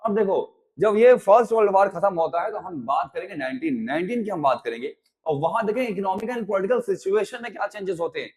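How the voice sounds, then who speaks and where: A man's voice: high-pitched, quick pace, hardly any pauses, a little mellow. A male teacher giving a history lesson, mixing Hindi and English, calling students 'beta' and asking if they follow. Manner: mixes Hindi and English, calls students 'beta', keeps checking "haan ya na?". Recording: long reverb, echoey room.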